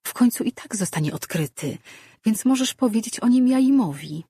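A woman voicing a sly, sardonic male presence in a man's mind who taunts slowly. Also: fairly high pitch, lively intonation, dark tone, husky, no echo, studio quality, pitched above the performer's own voice, full character voice. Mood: insinuating.

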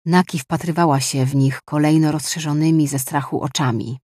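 Brief: steady narrator, middle pitch, dry close read. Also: moderate pace, no room sound. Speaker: audiobook narrator. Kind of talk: scripted narration.

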